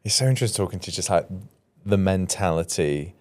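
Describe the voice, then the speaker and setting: A man hosting a podcast, asking curious, thoughtful questions and giving soft affirmations. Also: low-pitched, expressive, fast talker. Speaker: podcast host. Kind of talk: interview questions.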